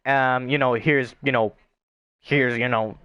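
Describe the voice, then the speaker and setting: A man's voice: mid-range voice, steady tone, unhurried, clear, resonant tone, no room sound, muffled recording. A young man chatting casually on a gaming stream, rambling and swearing with lots of filler words.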